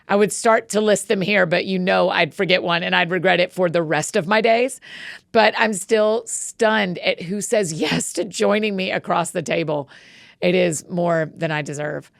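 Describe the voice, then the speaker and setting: A woman's voice: on the low side, vocal fry, a bit bright, no echo, clean studio sound. A woman, hosting a podcast and speaking earnestly with frequent laughs. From Atlanta, USA. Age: 40s. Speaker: podcast host. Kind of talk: scripted monologue and casual chat.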